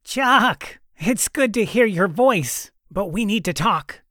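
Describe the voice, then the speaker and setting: A man's voice: high voice, animated, slow pace, pushed and bright, dry recording, clean studio sound, voice pushed up, full character voice. A man voicing a determined woman starship leader in a storybook, speaking urgently and insistently.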